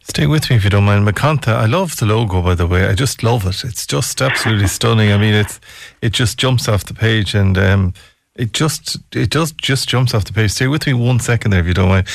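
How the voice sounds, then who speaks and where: Gravelly West of Ireland radio host, man. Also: fairly low pitch, a little fast, no room sound, clean studio sound. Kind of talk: live radio interview, conversational.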